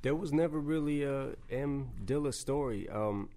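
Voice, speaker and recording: A man's voice: mid-range voice, normal speed, dark tone, a little hiss or hum. A man speaking as a guest in a casual interview, rambling through his memories with many restarts. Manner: rambling, lots of "you know" and restarts. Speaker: rapper guest.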